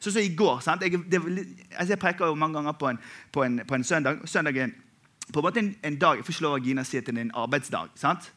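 A man in his thirties from Western Norway preaching a sermon in an animated, humorous, conversational way, often checking in with the congregation. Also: fairly high pitch. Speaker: pastor.

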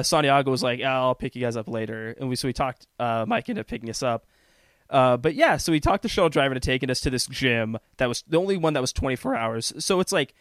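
A man hosting a podcast, telling a story in a relaxed, rambling, self-deprecating way. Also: mid-range voice, no echo, clean studio sound. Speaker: podcast host. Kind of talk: casual storytelling chat.

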